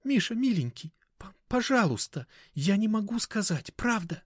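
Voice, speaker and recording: A man's voice: fairly high pitch, very animated, brisk, darkish tone, husky, no echo, clean studio sound, pitched above the performer's own voice, heavily acted. A man voicing a young woman who pleads through tears. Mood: tearful pleading. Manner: pleading, teary. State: crying.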